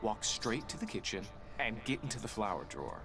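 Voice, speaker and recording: Gravelly, curt demon. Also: male voice, fairly low pitch, big pitch swings, a little fast, over music. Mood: bossy. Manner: brusque, commanding. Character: curt, bossy, impatient male demon.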